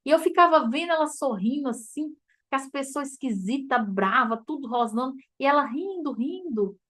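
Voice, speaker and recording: High-voiced Brazilian woman mentor. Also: lively intonation, normal speed, a bit bright. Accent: Brazilian Portuguese. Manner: chatty and emotive, addressing listeners as "gente", laughs often. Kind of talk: informal teaching talk to a group.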